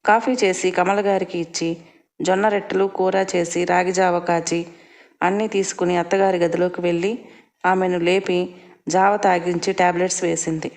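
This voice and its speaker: A woman reading a family story aloud in a steady, scripted storytelling way. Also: lowish voice, normal speed, creaky. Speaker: narrator.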